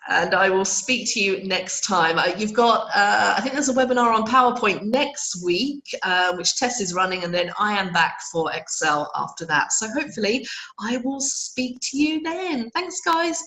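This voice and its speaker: Woman trainer, croaky and unwell, steady mid-range voice, step-by-step webinar teaching, roomy echo. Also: medium pitch, unhurried. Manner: explains step by step, reads out attendee questions. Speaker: Excel trainer. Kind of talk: live webinar tutorial with Q&A.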